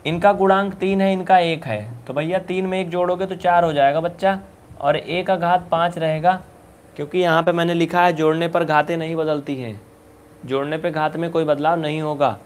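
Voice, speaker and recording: A maths teacher with a voice sitting high for a man teaches basic algebra in a live online class. He talks briskly and coaxingly with fairly even intonation, pushing students to answer quickly and playfully scolding them now and then.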